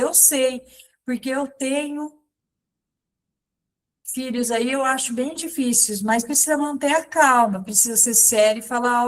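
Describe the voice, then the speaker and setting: A woman in her thirties giving a catechism lesson, explaining slowly and simply with many pauses and everyday examples. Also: a little high, a bit bright. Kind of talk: catechism lesson, spoken alongside sign language.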